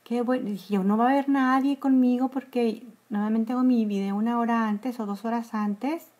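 A fortysomething woman with a Mexican accent hosts a live makeup tutorial from a small room, speaking directly to her viewers through a close phone or webcam. Her voice is fairly high, steady and darkish, at a moderate pace. She's chatty, calls her audience "girls," and drifts into whispers as she applies makeup.

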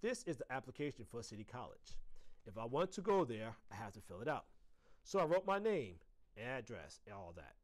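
A man's voice: mid-range voice, big pitch swings, fairly quick, natural voice. A man reading aloud, voicing a friendly adult male school custodian who doubts himself. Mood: unsure. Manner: friendly, wavering, unsure of himself.

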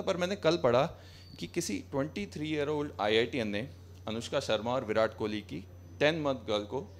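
A man's voice: medium pitch, slight background noise. Young man doing sarcastic stand-up. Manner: conversational, sarcastic, switching between Hindi and English. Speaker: stand-up comedian. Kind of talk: stand-up comedy set. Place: small cafe stage with brick wall, live audience. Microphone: handheld mic.

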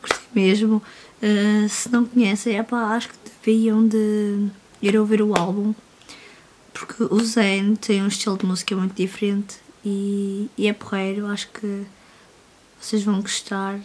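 A woman in her twenties with a hoarse, sick voice, chatting casually to a handheld camera and dropping in English words. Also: medium pitch, flat delivery, a little slow, a little mellow, slight background noise. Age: 20s. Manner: informal, drops in English words. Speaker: vlogger. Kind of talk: casual vlog chat. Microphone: phone or camera at arm's length.

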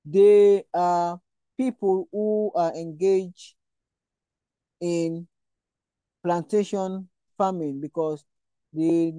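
A woman gives a language lesson at an unhurried pace. Her voice is soft-edged and dark, in a close, dry recording. She speaks deliberately, repeating items for learners. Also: lowish voice, steady tone, smooth, no room sound. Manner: deliberate, repeats words and spells them out. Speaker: language teacher and channel host. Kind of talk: slow vocabulary lesson with repetition.

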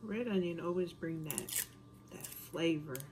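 A woman's voice: fairly low pitch, measured pace. A woman casually chatting to viewers while chopping vegetables in her home kitchen. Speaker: cooking vlogger. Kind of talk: casual cooking demo. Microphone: camera on counter facing her torso. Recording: knife chopping noise on board.

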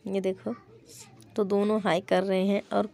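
Plain-spoken young mother, flat gravelly voice. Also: medium pitch, unhurried. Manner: plain, chatty, repeats "to" as a filler. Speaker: mother vlogging her household day. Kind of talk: casual cooking vlog narration. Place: small home kitchen.

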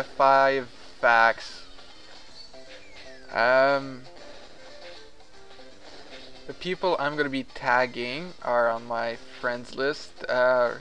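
Rough audio captures this gaming vlogger's medium-pitched, slightly bright voice. French is his first language, and he rambles casually and hesitantly through his gameplay commentary, using lots of fillers.

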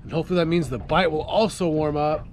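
Here the fishing vlogger, a man in his thirties, speaks quickly in a voice on the high side. He's outdoors on a small boat on open water, casually explaining each step to an arm's-length action camera while boat and water sounds fill the camera audio.

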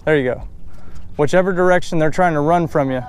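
A man's voice: fairly high pitch, fairly quick, clean tone. A middle-aged man guiding kids fishing, speaking in patient, encouraging coaching tones outdoors on a lake boat, picked up by an action camera. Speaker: fishing guide. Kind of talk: casual on-the-water instruction.

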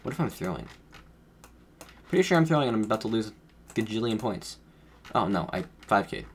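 Thinking aloud and guessing as he goes, a gaming streamer gives casual play-by-play of his game into a desk mic, stumbling over restarts and correcting himself as he reasons. His deep voice is sing-song and fairly quick, a little under the weather. Faint keyboard typing and a low room hiss sit behind him.

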